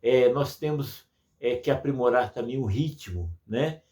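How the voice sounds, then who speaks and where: A man's voice: medium pitch, measured pace, darkish tone. A man teaching music to children, patient and full of diminutives, imitating sounds as he explains.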